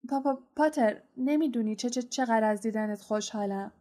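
A woman's voice: a little high, warm tone, lightly acted. A woman reading a storybook, voicing a nervous male wizard teacher who stammers on nearly every word. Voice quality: heavy stutter.

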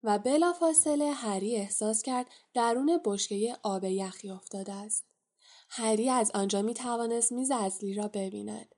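A woman reading a storybook aloud as an audiobook narrator, calm and measured. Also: fairly high pitch.

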